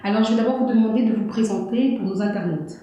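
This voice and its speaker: A woman's voice: fairly high pitch, fast, dark tone, highs cut off. A woman interviewing a guest, asking polite, probing questions. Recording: very echoey room with faint noise.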